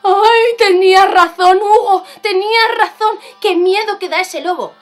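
A woman voicing a frightened young male piglet in a storybook, squealing repeated words high and fast. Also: soft background music. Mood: fearful. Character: frantic, frightened little boy piglet.

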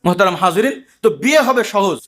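Man, pitched high, preaching emphatically with stories. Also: big pitch swings, fairly quick, fairly bright tone. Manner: emphatic, conversational sermon with anecdotes. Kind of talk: sermon.

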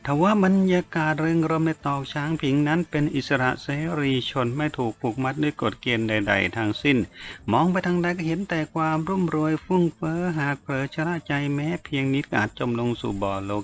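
A man narrating a novel in a steady, measured storytelling voice. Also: a little high. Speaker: audiobook narrator. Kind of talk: novel reading.

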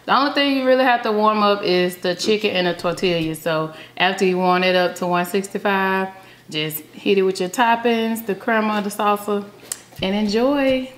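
A woman's voice: mid-range voice, normal speed. Chatty woman in an echoey room. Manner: chatty, upbeat, filler-heavy. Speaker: vlogger. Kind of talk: casual mukbang chat. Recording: echoey room with faint hiss.

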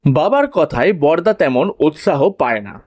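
A man narrating a humorous story in a measured, playful way. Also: fairly high pitch, sing-song, a little mellow.

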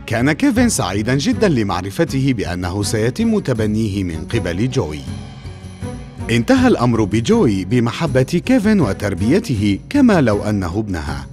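A man narrating a dubbed drama story in an expressive storytelling manner. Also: lowish voice, moderate pace. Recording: music bed under narration.

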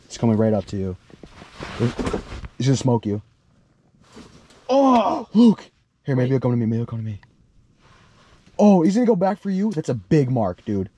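A young man hosting an outdoor fishing vlog, talking in a chatty, upbeat and excitable way into an action camera. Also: medium pitch, moderate pace, long pauses, breathy edge. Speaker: host. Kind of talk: casual outdoor vlog narration. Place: ice fishing shelter and open frozen lake, later a home kitchen. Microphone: handheld or body-worn action camera.

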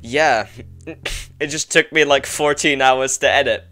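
A young Englishman takes things slowly in a sharp-toned, medium-pitched voice as a podcast guest on a video call. The conversation is casual and rambling, thick with "like" and frequent laughter.

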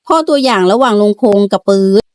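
Woman narrating a comic story, slightly high voice. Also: quick pace, no room sound, studio quality.

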